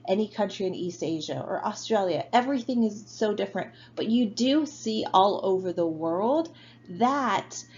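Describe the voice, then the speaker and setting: A woman's voice: mid-range voice, darkish tone, muffled recording, a little hiss or hum. A woman teaching a college geography class in a recorded online lecture, talking casually with many fillers and tag questions. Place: home.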